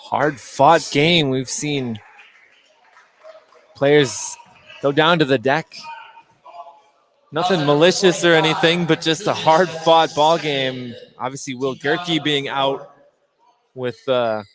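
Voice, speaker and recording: With long pauses and a voice on the high side, an American announcer slowly calls a basketball game from courtside in an indoor gym. Gym noise and the thud of bouncing balls come through the noisy recording.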